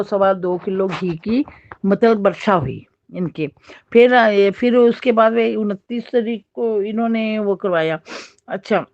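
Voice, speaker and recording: Older woman, mid-pitched voice, rambling storyteller who acts out dialogue; dull, dry recording. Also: no echo. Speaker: devotee sharing a personal experience. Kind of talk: casual spoken storytelling.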